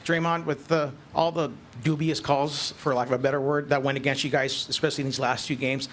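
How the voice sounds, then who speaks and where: A man's voice: mid-range voice, level tone, a little fast, a bit bright. A male radio sports reporter putting a question to an athlete at a press conference. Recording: press room with background noise.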